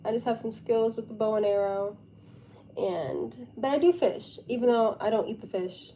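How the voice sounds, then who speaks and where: A woman's voice: on the high side, normal speed. A young woman live streamer chatting casually and informally with her viewers, with a giggly, chatty manner. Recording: steady background noise.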